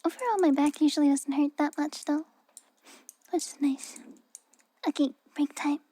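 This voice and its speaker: A woman livestreamer chatting casually in a naturally soft, cute anime-girl voice, gentle and often close to a whisper. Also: sits high, normal speed, no room sound.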